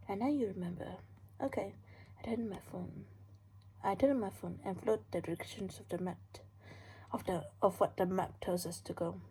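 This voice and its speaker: A woman reading her own story aloud in a hushed, breathy half-whisper, often stumbling and restarting lines. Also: medium pitch, moderate pace, poor audio.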